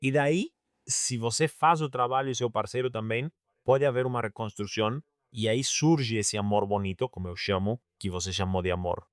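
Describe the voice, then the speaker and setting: A man's voice: medium pitch, steady tone, normal speed, clear, resonant tone, no echo, clean studio sound. A man hosting a podcast, reflecting aloud and asking thoughtful follow-up questions. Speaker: podcast host. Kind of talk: podcast conversation.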